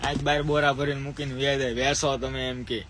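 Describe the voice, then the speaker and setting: A man's voice: mid-range voice, little pitch movement, fast, very noisy. A man who runs a shop and hosts a live sale from the air-conditioned shop floor. He sounds sleepy and chats with viewers, breaking off to give his staff orders. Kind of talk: live-stream sales talk.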